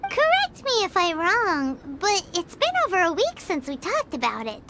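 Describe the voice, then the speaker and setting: Squeaky, excitable childlike fairy Paimon. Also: female voice, moderate pace, noisy background, exaggerated voice. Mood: teasing. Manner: refers to self in third person, exclaiming. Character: tiny childlike floating fairy companion, excitable and cheeky. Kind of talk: English anime game dub.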